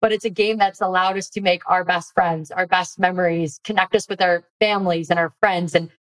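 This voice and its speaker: A young woman, a former college softball player, hosting a podcast with upbeat, encouraging chat. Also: fairly low pitch, steady tone, brisk, rough recording. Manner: upbeat, encouraging, reads ad lines. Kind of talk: casual interview chat.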